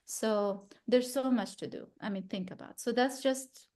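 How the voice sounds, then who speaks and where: This woman's voice is fairly high yet dark in tone, and she speaks unhurriedly. She is an exhibiting artist from Afghanistan in her thirties, giving a thoughtful gallery talk about her work and often pausing to find words or begin again.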